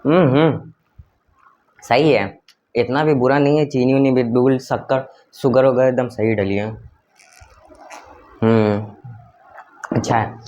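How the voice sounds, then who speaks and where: A man's voice: mid-range voice, a little mellow, highs cut off. Young male vlogger, casual and chatty, speaking on a phone mic at home, with a faint noise floor. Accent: Hindi. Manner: chatty, teasing, addresses viewers as guys. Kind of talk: casual vlog chat. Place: home, indoors.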